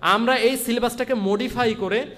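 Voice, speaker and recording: A man's voice: very high-pitched, steady tone, moderate pace, pushed and bright, big-room sound. A man explaining a school's curriculum, talking hesitantly and mixing in English phrases. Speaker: school representative.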